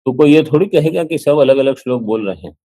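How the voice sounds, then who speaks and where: A man teaching a scriptural commentary lesson, explaining slowly and posing questions to his students. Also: medium pitch, expressive, mellow, dry recording. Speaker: Vedanta teacher.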